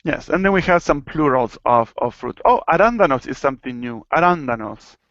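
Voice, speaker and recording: A man's voice: on the high side, animated, fairly bright tone, no room sound, highs cut off. A man from Argentina with an Argentine accent, teaching a Spanish lesson online and explaining things patiently. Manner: patient, explains slowly, chuckles at own jokes.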